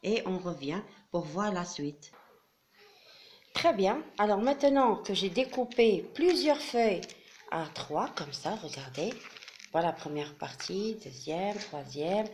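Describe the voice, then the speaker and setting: A woman explaining a classroom craft step by step, patient and methodical, with frequent pauses and fillers. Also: fairly low pitch, lively intonation, darkish tone, slight background noise. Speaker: teacher.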